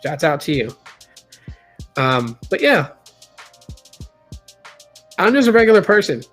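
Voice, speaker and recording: Man, late 30s, streamer host: candid, rambling chat, voice pitched a bit high, soft music under him. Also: sing-song, takes it slowly. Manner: rambling, candid, many restarts, reads chat aloud. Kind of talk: casual live-stream chat.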